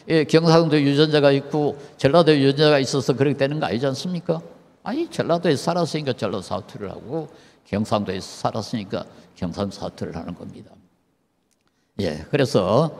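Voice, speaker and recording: A man's voice: medium pitch, gravelly. Older man lecturing in a reverberant hall. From Korea. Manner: asks the audience rhetorical questions. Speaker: professor giving a lecture.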